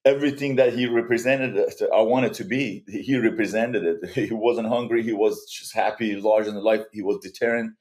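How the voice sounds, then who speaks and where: Low-voiced Iranian-born man telling his story. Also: fairly even intonation, darkish tone. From Iran. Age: 40s. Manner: earnest, halting, with frequent restarts. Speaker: guest. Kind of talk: personal story in a podcast interview.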